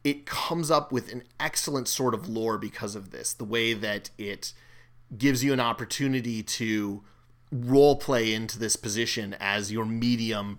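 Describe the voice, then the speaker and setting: A man's voice: on the low side, a bit bright. A man co-hosting a casual board game discussion, talking in a loose, rambling way with fillers and restarts. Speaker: co-host.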